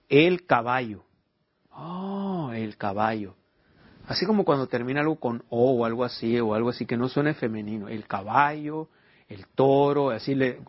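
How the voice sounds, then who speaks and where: A man's voice: mid-range voice, slightly rough, dry recording, dull audio. A man preaching an informal sermon, telling personal stories and asking his listeners rhetorical questions. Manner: conversational storytelling with rhetorical questions.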